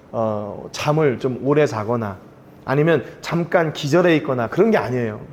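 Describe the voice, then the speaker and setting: Male pastor, slightly high voice, casual conversational sermon with emphatic swells, faint hiss behind. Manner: conversational preaching, rising to emphatic pleas.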